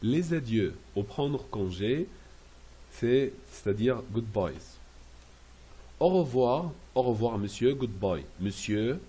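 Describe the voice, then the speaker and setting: Slow, husky-voiced man teaching French. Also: lowish voice, expressive, dark tone. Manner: slow, deliberate, repeats and spells words out syllable by syllable. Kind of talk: language lesson explaining pronunciation.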